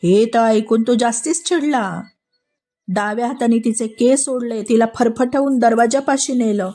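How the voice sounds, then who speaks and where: A woman narrating a devotional story in an expressive, repetitive storytelling manner. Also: a little high, measured pace, soft background music.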